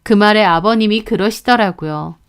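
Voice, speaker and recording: A woman's voice: mid-range voice, moderate pace, clear, resonant tone. A woman narrating her own story as a daughter-in-law, speaking in an indignant, aggrieved tone.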